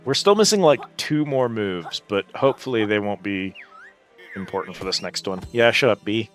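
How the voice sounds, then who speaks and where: A man's voice: fairly low pitch, lively intonation, normal speed. A man chatting casually as he hosts a live game stream, with playful, exclamatory greetings to his viewers. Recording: music behind the voice.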